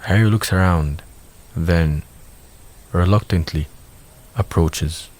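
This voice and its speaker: Reading a script for an audio drama, a man with a low, slightly mellow voice narrates in the present tense. His manner is measured and descriptive as he sets out each scene.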